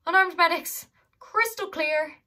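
A woman's voice: very high voice, a little slow, sharp tone, distant mic, voice pushed up, full character voice. A woman voicing a nervous, self-important young male elf officer who talks in a flustered way.

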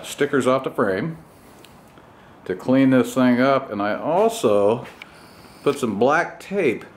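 A man with a lowish voice narrates casually over noticeable background noise. He's a motorcycle vlogger and home mechanic doing a walkaround of his custom bike work, recorded on a handheld camera mic in his home garage with the door open, so the recording is noisy.

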